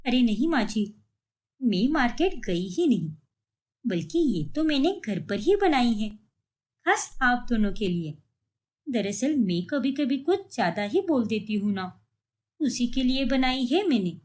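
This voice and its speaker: A woman voicing a tidy, sharp-tongued young daughter-in-law in a cartoon story, speaking in a lecturing manner. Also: on the high side, very animated, measured pace, pitched below the performer's own voice. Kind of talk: cartoon voice acting.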